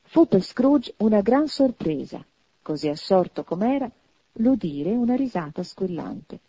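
A woman giving an expressive audiobook narration of a classic novel. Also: mid-range voice, measured pace, husky, no room sound, muffled recording. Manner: expressive, animated reading.

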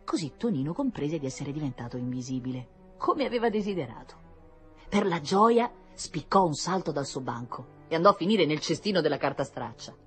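Storybook narrator: woman, low and husky, animated. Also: brisk, faint music behind. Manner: expressive, lively storytelling. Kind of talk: read-aloud children's story.

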